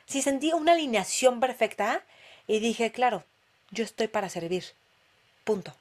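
A woman casually sharing personal stories about meditation retreats, expressive, with sudden exclamations and sound-effect words. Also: a little high, normal speed. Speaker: meditation practitioner.

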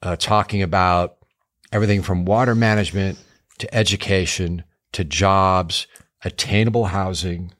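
A man's voice: deep voice, steady tone, moderate pace, a bit bright, no echo, studio quality. A middle-aged man hosting a casual local news chat show, upbeat and jokey, with frequent ums. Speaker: show host.

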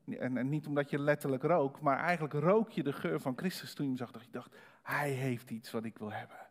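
A man preaching a sermon, building from calm reflection to rising, emphatic preaching. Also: medium pitch, a little fast. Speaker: pastor.

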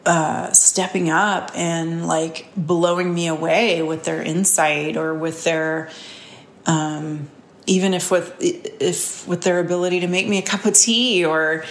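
A woman giving an unscripted, heartfelt motivational talk, haltingly fumbling for words with false starts and searching pauses. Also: on the low side, fairly even intonation. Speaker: speaker giving a motivational message to followers. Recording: roomy, echoing sound.

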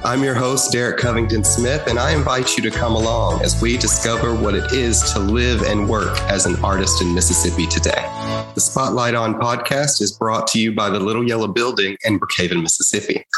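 A man's voice: on the low side, fairly even intonation, brisk, music in the background. A man hosting an interview podcast, giving upbeat introductions and questions. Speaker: podcast host.

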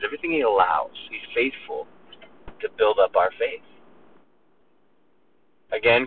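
A pastor giving an earnest, emphatic sermon on a psalm, slowing down to stress key words. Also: male voice, lowish voice. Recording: distant phone-like recording with faint noise.

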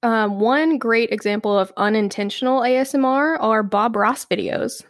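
A woman's voice: fairly high pitch, moderate pace, no echo. A woman co-hosting a podcast in casual chat, chatty and reading research notes aloud. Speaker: podcast co-host.

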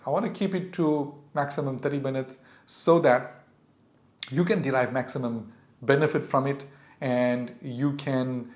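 Speaking with a South African English accent, this middle-aged podcast host earnestly counsels parents in a thoughtful solo talk. His pitch is medium, and the room sounds echoey.

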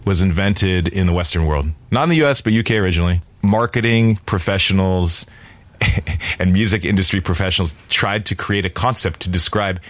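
Speaking a little fast in a low voice with a fairly bright tone, this man describes the mission of the music nonprofit he founded. The interview audio has no room sound, and he talks earnestly and expansively with lots of fillers.

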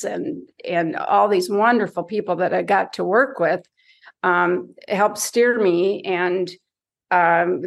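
A woman's voice: mid-range voice, creaky. A woman from Michigan's Upper Peninsula answering interview questions in a candid, reflective, conversational way. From Michigan's Upper Peninsula, United States. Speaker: interview guest, retired or career diplomat.

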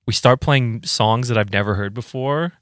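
A man chatting casually on a podcast, laughing often and telling stories with animated jumps up in pitch. His normal speaking voice is middle-pitched. The recording is close and dry. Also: moderate pace, dry recording. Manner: laughing, animated storytelling with jumps to high pitch when quoting. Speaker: podcast co-host; band musician. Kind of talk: casual chat.

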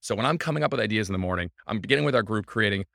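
A man's voice: on the low side, lively intonation, very fast, gravelly, a bit bright, dry recording, studio quality. A man being interviewed as a baseball team owner, telling his story with enthusiasm and emphasis. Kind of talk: energetic interview talk.

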